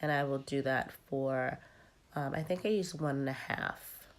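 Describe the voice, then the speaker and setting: A woman's voice: rumbling low, measured pace. A young woman with a cold and a tired voice, casually narrating her cooking with frequent ums. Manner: relaxed, chatty with frequent ums. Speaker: cooking vlogger.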